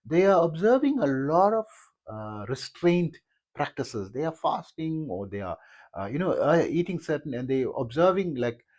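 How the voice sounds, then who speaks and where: A man's voice: on the high side, very animated, moderate pace, darkish tone. A South African man giving an unscripted talk as a yoga teacher, rambling with many fillers and restarts.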